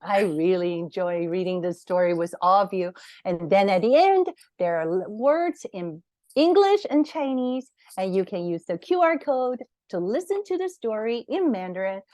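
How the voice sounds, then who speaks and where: A woman's voice: medium pitch, expressive, moderate pace, a little mellow, no echo, studio quality. A woman, the book's author, reading her picture book aloud to children at storytime, encouraging and asking them questions.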